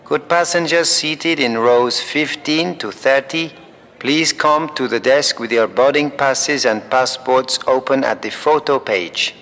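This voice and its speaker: An actor playing a calm, formal male airport announcer who reads flight numbers slowly and clearly. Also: mid-range voice, in a large hall. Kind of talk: scripted language-course recording.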